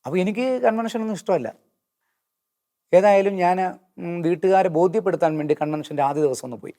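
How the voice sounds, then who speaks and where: A man's voice: high voice, dark tone. Earnest man telling his story. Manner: earnest storytelling, slowing down when quoting hymn lines. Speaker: guest giving testimony.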